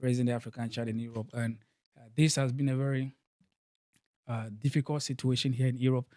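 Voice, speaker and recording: Halting, repetitive man hosting a talk. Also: medium pitch, little pitch movement, warm tone, dry recording, clean studio sound. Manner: halting, repeats words with many fillers. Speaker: podcast host. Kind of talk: casual panel discussion. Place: in Germany.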